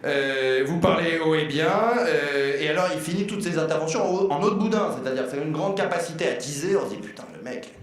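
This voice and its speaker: Man, fairly high voice, roasting contestants: rambling, mock-outraged, loud then muttering; very echoey hall. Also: a little fast, hardly any pauses, a little hiss or hum. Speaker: jury member roasting contestants. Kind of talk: comic roast speech.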